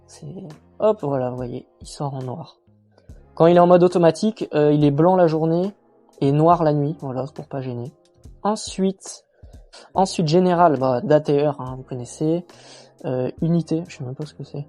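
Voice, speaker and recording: A man giving a casual, chatty motorcycle walkthrough, relaxed and full of fillers and self-mocking jokes. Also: on the high side, moderate pace, faint music behind. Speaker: motorcycle reviewer.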